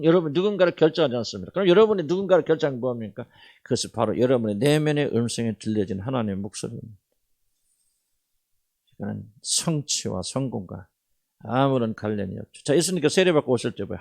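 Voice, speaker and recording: A middle-aged man preaching a sermon as senior pastor, asking the congregation questions and swinging from loud to soft. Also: mid-range voice, animated, fast, vocal fry.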